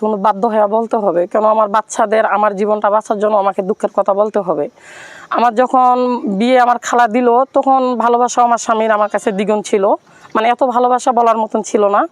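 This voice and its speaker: In a dry recording, a woman with a higher-pitched voice and a Bangladeshi accent pleads with viewers. She comes from Rangpur, Bangladesh, and tells her life story in an earnest, plaintive way.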